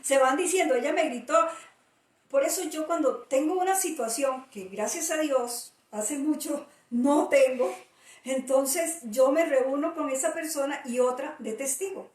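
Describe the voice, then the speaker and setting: A woman's voice: high-pitched, unhurried, darkish tone. A middle-aged woman pastor preaching in an emphatic way, repeating key phrases for weight. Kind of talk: preaching talk. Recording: roomy audio from a distant mic.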